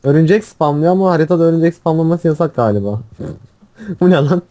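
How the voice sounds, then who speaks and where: Young man barking quick commands mid-game. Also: fairly high pitch, warm tone. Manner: gives quick commands, hums while playing, swears. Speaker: gamer. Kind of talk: casual gaming chat.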